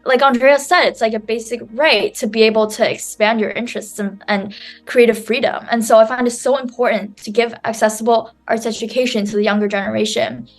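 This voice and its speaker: A woman's voice: on the high side, fairly even intonation, fairly quick, soft background music. A woman student raised in New York presenting her nonprofit at an online conference over a video call, talking in a chatty way full of "um" and "like". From New York City, USA.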